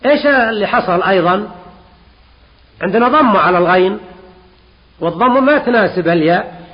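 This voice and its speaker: A man with a fairly high voice and a tinge gives a classroom lesson, stopping to quiz his students and repeating key terms. The sound is dull and lo-fi, and a long reverb hangs in the hall. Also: expressive, fairly quick. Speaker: teacher. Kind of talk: classroom lesson explaining a text.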